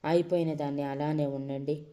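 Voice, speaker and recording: A woman voicing a serious, level-headed young man who tries to calm his family in an audio story. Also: deep voice, muffled recording, close to an everyday voice. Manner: serious, measured.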